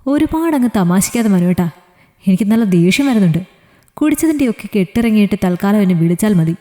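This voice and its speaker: A woman's voice: medium pitch, expressive, fast talker, mellow, lightly acted. A woman storyteller voicing a strict young woman who scolds and teases her fiancé. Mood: scolding. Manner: scolding, teasing. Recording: reverberant echoey room.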